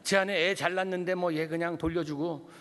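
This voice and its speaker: A middle-aged man from Korea, a guest pastor preaching a revival sermon, telling stories animatedly and swinging from loud to hushed. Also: a little high, fairly even intonation, a little fast. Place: church sanctuary. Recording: long church hall reverb.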